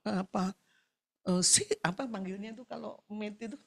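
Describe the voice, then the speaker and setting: A woman preaching a sermon over a video call, telling a story with lively acted-out quotes and often addressing her listeners directly. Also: moderate pace, gravelly. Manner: animated storytelling, acting out quotes in a high voice.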